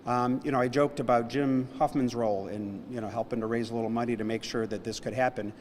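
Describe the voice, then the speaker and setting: A man's voice: medium pitch, steady tone, quick pace, big-room sound, a little hiss or hum. A man, a civic official acting as emcee, closing a ceremony speech in an informal, joking, rambling way. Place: large indoor hall.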